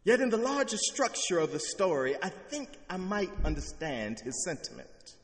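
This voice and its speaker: Middle aged pastor guy, kinda high voice, storytelling sermon with jokes, echoey church. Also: big pitch swings, normal speed. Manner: storytelling, uses vivid humor.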